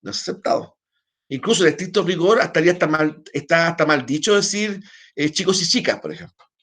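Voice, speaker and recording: A man's voice: on the high side, a little fast, fairly bright tone. A man with a Chilean accent teaching an online class, explaining at length, often checking in with tag questions. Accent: Chilean Spanish. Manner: hesitant restarts, talks on in a loose flow.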